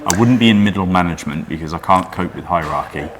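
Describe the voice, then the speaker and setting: A man with a low-sitting voice talks at a quick pace, a crowd audible behind him amid noisy room ambience. Born in Wales, he owns and runs a coffee roastery, and in this casual interview he's dry and wry, often stopping and restarting.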